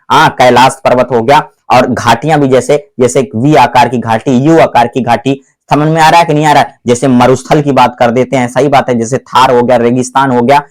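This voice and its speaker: A man teaching English grammar in a classroom style. He keeps asking the pupils whether they have understood, calls them "my children", and reads the English examples slowly. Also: mid-range voice. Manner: slows right down to read English examples aloud.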